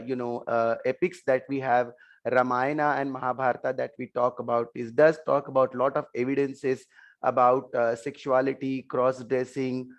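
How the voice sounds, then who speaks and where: A man with an Indian accent speaking as an expert panel guest, explaining in halting, short phrases. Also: mid-range voice, dull audio. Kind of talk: explanatory panel talk with slides.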